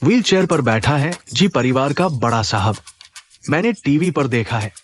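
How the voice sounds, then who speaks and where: A man dubbing a greedy, brash young brother-in-law in a short drama, taunting and loud-mouthed. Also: mid-range voice, lively intonation, moderate pace, slight background noise, lightly acted.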